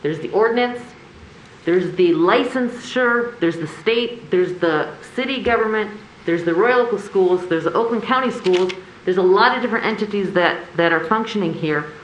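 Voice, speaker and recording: A woman's voice: medium pitch, moderate pace. A woman speaking through a face mask, giving earnest, explanatory remarks as a commission member at a public meeting. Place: indoor public meeting room. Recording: echoey meeting room with background noise.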